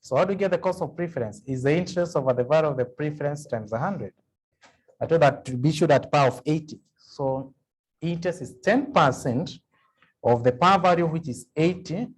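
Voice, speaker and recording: A man's voice: fairly high pitch, fairly quick, breathy edge. A man giving an accounting revision lecture, working through sums aloud and putting questions to the class. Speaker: accounting tutor.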